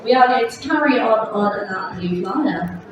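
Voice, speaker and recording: A woman's voice: mid-range voice, lively intonation, a little slow, highs cut off, a crowd in the background. A woman making live announcements to players as a bingo host. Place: large indoor holiday park venue. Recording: echoey hall PA, distant, music behind. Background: music.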